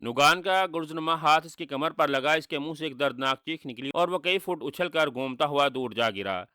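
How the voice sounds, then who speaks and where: Bright-voiced male storyteller. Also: fairly high pitch, normal speed, clear, resonant tone, dry recording, clean studio sound. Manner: steady, dramatic storytelling. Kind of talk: scripted story narration.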